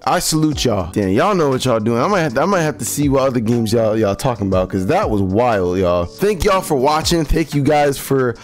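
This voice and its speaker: A hoarse young man hosting a horror game video, talking excitedly in slang and addressing his viewers often. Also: medium pitch, brisk, few pauses, soft background music. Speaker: gaming channel host. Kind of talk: horror game reaction and outro.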